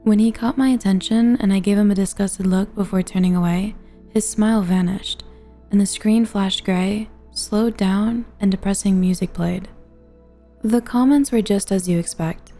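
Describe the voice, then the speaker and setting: A woman's voice: medium pitch, fairly even intonation, moderate pace, dark tone, soft background music. A woman reading first-person online confession stories as scripted narration.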